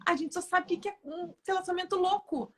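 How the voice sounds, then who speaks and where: A woman telling a personal story as a guest in a casual, spiritual chat. She talks in an animated way and laughs often. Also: very high-pitched, fast.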